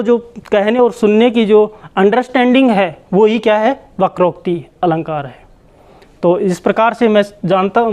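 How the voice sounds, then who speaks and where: Male teacher with a high voice, explaining a grammar lesson step by step and repeating himself. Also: darkish tone, smooth. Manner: slow, repetitive explaining with many restarts. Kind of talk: Hindi grammar lesson at a board.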